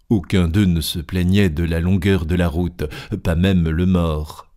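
A man narrating an audiobook in a steady, deliberate storytelling manner. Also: low voice. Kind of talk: scripted narration.

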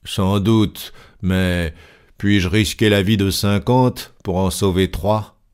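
A stern army captain with a deep, low voice, curt and firm about his duty, as a man reads him in an audiobook. The delivery is clipped and self-assured, his words short and final. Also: steady tone, slow pace, darkish tone, clean tone. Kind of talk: audiobook reading.

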